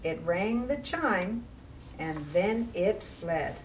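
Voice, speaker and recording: At library storytime, a woman reads a children's rhyming story aloud in an expressive, slow, deliberate style, with occasional casual asides; her pitch is medium. The recording is distant, with faint noise in the background.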